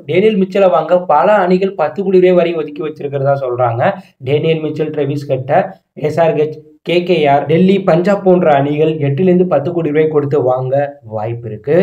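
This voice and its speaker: A man with a Tamil accent reads a cricket voice-over in a steady, explanatory way, his voice sitting a little high with a soft, mellow tone. The recording is dull and lo-fi, with a noticeable room echo around him. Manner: steady explanatory reading, listing teams and prices. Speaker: cricket channel narrator. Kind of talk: voice-over on auction predictions.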